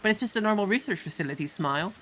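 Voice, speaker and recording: A woman's voice: mid-range voice, expressive, fairly bright tone, slight background noise. Chatty woman streaming a game. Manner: chatty, quick asides, laughing at the game. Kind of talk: casual gameplay commentary.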